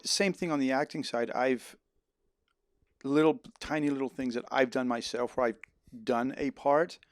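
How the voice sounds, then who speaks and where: Podcast guest: middle-aged man, medium pitch, reflective and self-effacing, dry studio sound. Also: dry recording. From Netherlands. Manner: reflective and modest, with frequent ums. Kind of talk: casual conversation.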